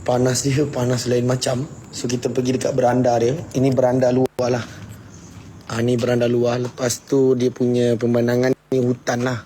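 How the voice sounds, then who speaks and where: A man's voice: medium pitch, monotone, moderate pace, mellow, slight background noise. A man with a Malaysian Malay accent, a paranormal explorer leading viewers through an abandoned house at night in casual, chatty narration. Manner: chatty, addresses viewers as a gang.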